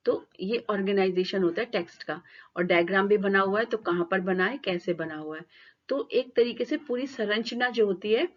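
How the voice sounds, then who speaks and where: A woman teaching a lecture class, explaining in Hindi mixed with English and reading English definitions slowly and deliberately. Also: medium pitch, lo-fi sound.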